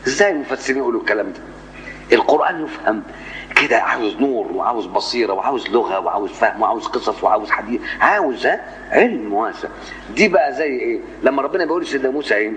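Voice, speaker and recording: A man with an Egyptian accent, a sheikh giving a mosque lesson on the Quran, animated, firing rhetorical questions and slowing down to recite verses. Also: medium pitch, in a large hall. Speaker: sheikh teaching Quran sciences. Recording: dull lo-fi 1980s tape with faint hum.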